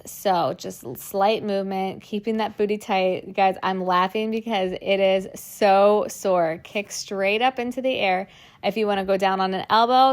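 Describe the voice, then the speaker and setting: Woman, young adult, fitness instructor, encouraging, strained from exercising, workout cues. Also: medium pitch. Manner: encouraging, cueing moves while exercising. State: strained, working out while talking.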